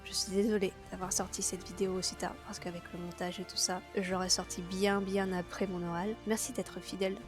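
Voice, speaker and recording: A young woman hosting a casual video, chatting through a season's releases with fillers and quick asides. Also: medium pitch, little pitch movement, music in the background. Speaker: anime video host.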